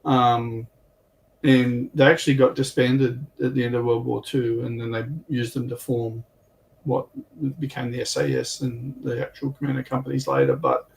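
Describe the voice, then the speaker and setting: A medium-pitched man with vocal fry talks at a moderate pace as a livestream panelist, caught by a distant microphone. He's chatting casually and anecdotally about military history and tabletop wargaming.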